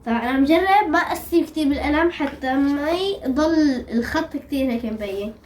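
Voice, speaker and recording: A woman's voice: high voice, fast, darkish tone, slight background noise. A young female with a Syrian Levantine Arabic accent chats casually to viewers as she hosts a drawing video.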